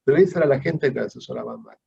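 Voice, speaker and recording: A man's voice: medium pitch, wildly swooping pitch, very fast, gravelly, darkish tone, breathy edge, no echo. A man, a guest on a political talk show, speaking critically and indignantly. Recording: dull lo-fi sound, dry.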